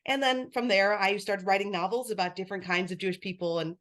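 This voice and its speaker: A woman's voice: mid-range voice, steady tone, fast talker, fairly bright tone. A woman author from Hawaii speaking thoughtfully on a panel, searching for words. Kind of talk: panel discussion.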